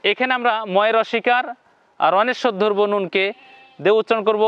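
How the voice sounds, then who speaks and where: Guy teaching quran pronunciation, pretty high voice, slow and repeats each syllable, dry dull-ish sound. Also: fairly even intonation, fairly bright tone, clear, resonant tone, no room sound. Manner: gives Arabic sounds a heavy nasal tone. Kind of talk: step-by-step lesson on pronunciation.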